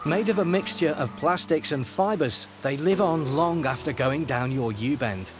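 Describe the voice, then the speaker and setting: A man giving wry, measured scripted documentary narration. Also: fairly high pitch. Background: music.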